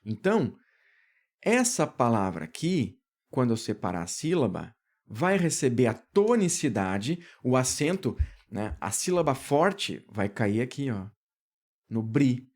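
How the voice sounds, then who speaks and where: A man from Brazil teaching an exam-prep grammar lesson, putting questions to his students and answering them himself, drawing out key words slowly. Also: mid-range voice, a little mellow.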